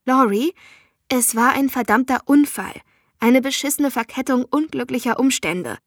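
A woman voicing a fierce, blunt young female friend who swears and talks forcefully. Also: high voice, moderate pace, dry recording, studio quality. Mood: sharp.

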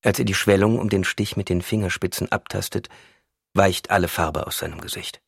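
A man narrating an audiobook in a steady, measured reading. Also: low voice, creaky, breathy edge, no echo, studio quality.

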